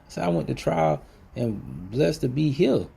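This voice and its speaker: A man's voice: medium pitch, big pitch swings, normal speed, vocal fry, warm tone, husky. A man hosting a podcast, telling a personal story in a blunt, profane, emphatic way that turns motivational. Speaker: podcast host.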